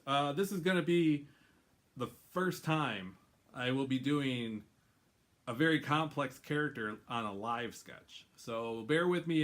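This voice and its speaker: A male host chatting in a casual, rambling way at a middle pitch, often breaking into laughter. His talk wanders between topics before getting back on track. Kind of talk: casual chat.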